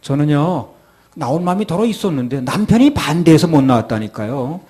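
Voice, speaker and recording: A man's voice: fairly high pitch, big pitch swings, fairly quick, dark tone, slightly rough. A male pastor giving a sermon, acting out people's excuses in quoted voices.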